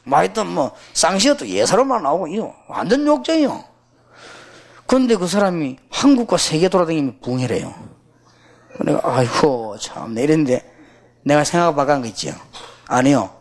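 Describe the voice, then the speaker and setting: A man preaches, and his voice sits high for a man. His pitch swoops widely as he tells stories in an everyday, conversational way to a room of fellow pastors. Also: brisk, long pauses. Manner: colloquial, animated storytelling. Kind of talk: sermon.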